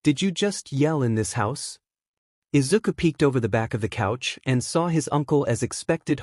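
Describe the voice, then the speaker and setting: A man's voice: medium pitch, a little mellow, no room sound. Man narrating a story in a dry voice.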